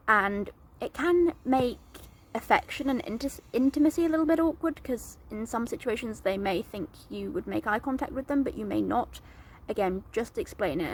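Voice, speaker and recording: A woman's voice: medium pitch, slight background noise. A woman talking earnestly and plainly to camera in a vlog, explaining things step by step with some fillers. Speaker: advocate vlogger.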